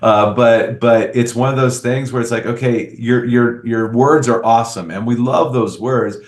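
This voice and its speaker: A man hosting an interview, a pastor, talking in a measured way and giving pastoral advice. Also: medium pitch, roomy sound. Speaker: podcast host, pastor. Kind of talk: interview conversation.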